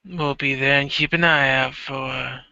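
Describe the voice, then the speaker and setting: Scheming old vampire patriarch, slow and gravelly, bright edge, a man voicing him. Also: mid-range voice, steady tone, no room sound. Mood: measured. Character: elder vampire father, calm, scheming, older man. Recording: dull lo-fi recording.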